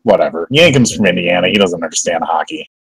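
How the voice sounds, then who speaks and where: A man's voice: low-pitched, animated, quick pace, creaky, husky, no room sound, low-quality recording. A man co-hosting a podcast, making wry puns in casual chat. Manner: wry, punning.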